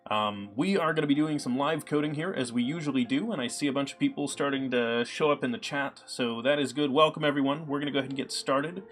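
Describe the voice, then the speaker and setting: A man's voice: medium pitch, fast, few pauses. A man live-streaming his coding, talking casually with many fillers, his voice a little scratchy from a cold. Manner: relaxed, chatty, many ums and uhs. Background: soft background music.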